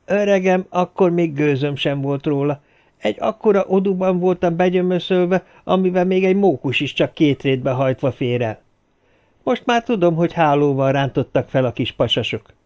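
A man's voice: on the high side, lively intonation, darkish tone, voice pushed up. A man voicing a cheerful, boastful young man who tells his tale with bravado, in slightly dull lo-fi audio. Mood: excited, chatty. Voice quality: boastful, chatty.

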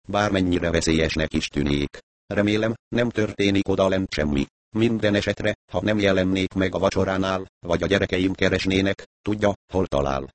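A man's voice: deep voice, no room sound, close to an everyday voice. Man reading as a curt, sarcastic handyman. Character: gruff middle-aged male handyman, a father.

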